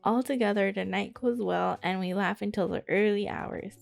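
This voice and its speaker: A woman's voice: mid-range voice, steady tone, normal speed, vocal fry. A woman streaming a visual novel, reading the narration aloud and giggling through her commentary. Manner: giggly, playful. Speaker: gaming YouTuber. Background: faint game music.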